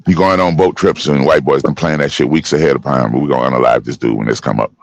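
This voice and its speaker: Man, fifties, very deep voice, dry recording, heated street-slang panel talk. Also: steady tone, fast talker, gravelly, dry recording. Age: 50s. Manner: forceful, preachy, street slang.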